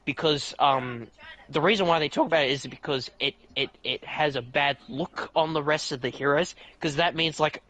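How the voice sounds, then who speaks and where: Over poor audio, a male podcast host chats casually at normal speed, telling a wandering tale packed with curses and restarted sentences. Excitable throughout, he leaps to a much higher pitch when he gets outraged.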